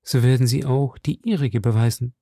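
A man's voice: medium pitch, fairly even intonation, moderate pace, dark tone, slightly rough, no echo. A man voicing a cold, scheming young noblewoman who speaks in a cutting, mocking tone.

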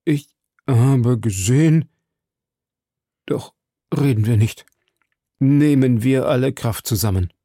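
A man's voice: medium pitch, takes it slowly, mellow, no room sound, clean studio sound. A man voicing a loyal, devoted male servant, exhausted and speaking with strained, breathless pleading.

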